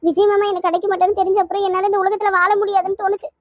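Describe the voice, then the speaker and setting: A woman voicing a tearful, heartbroken young woman in a cartoon, pleading and sobbing softly. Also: very high-pitched, little pitch movement, racing, no echo, studio quality. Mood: sad pleading. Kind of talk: cartoon voice acting.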